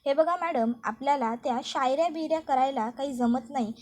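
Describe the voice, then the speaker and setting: A woman's voice: sits high, brisk, darkish tone, natural voice. A woman voicing a pushy rustic village man who speaks in a rural dialect. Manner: rural dialect, swaggering, bossy. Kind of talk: recap narration with read-out dialogue.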